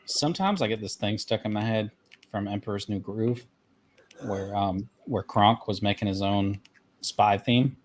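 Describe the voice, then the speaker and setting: A co-host in a casual livestream chat, playful and quick to laugh. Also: low voice, a little hiss or hum. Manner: playful, laughs often, jokey. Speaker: podcast co-host.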